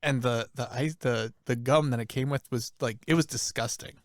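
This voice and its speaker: A man with an average-pitched voice chats on a podcast, rambling and hesitating as he searches for words. The recording is dry and close. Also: moderate pace, dry recording. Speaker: podcast co-host. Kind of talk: casual chat.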